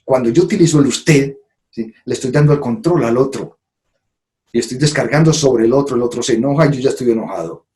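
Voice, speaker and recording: A man's voice: mid-range voice, fairly quick, a little mellow. A man giving a conference talk, acting out quoted phrases and often checking in with "¿sí?". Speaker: conference speaker. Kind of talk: live lecture to an audience.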